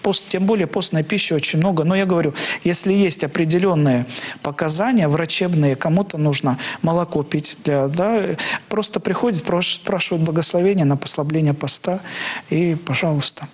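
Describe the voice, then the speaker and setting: An Orthodox priest answers a caller with gentle, practical advice, pausing often to find his words. His male voice sits rather high. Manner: gentle, advising, frequent hesitations. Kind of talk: pastoral advice on air.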